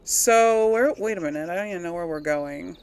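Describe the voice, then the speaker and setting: A woman with a fairly low voice talks a little quickly over a role-play playthrough, offering casual commentary as she thinks aloud and often second-guesses herself. There's a bit of hiss or hum on the recording.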